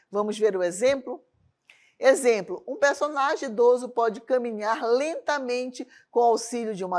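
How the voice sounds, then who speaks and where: A woman teaching a televised arts lesson, often checking in with the class through rhetorical questions. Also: on the high side. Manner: asks rhetorical questions to the class, tag questions like "certo?". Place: lesson studio with a loom as a prop.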